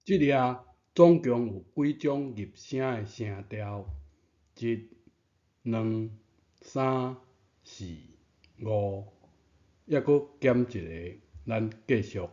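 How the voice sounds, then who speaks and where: Slow, mellow-voiced man teaching pronunciation. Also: medium pitch. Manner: patient, repeats key points, rhetorical questions. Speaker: Taiwanese language teacher. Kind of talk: explanatory lesson narration. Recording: dull lo-fi sound.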